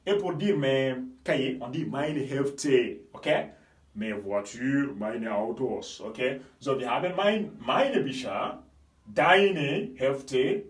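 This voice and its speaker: A man teaching German grammar in a classroom style, often checking in with "ok?" and repeating key points. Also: medium pitch. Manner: repetitive, checks understanding with frequent "ok?"; stresses German example words, drops off at phrase ends. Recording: roomy echo, mic at a distance.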